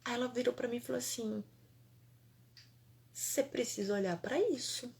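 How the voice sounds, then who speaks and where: Animated Mineira woman telling her story. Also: a little high, moderate pace, creaky. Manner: animated, emphatic, repeats phrases for effect. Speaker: holistic therapist. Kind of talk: personal storytelling to camera.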